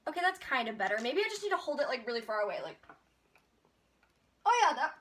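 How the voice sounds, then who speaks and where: Young woman, beauty vlogger, casual haul chat, chatty, bright tone, a bit high-pitched. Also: sing-song, rapid-fire. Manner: chatty, bubbly, lots of likes and ums. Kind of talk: casual makeup haul vlog.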